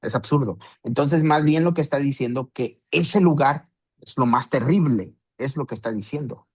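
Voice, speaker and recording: Male Bible teacher, mid-pitched, casual explanatory delivery. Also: moderate pace, breathy edge. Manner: conversational, with rhetorical questions and restarts. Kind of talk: Bible study talk.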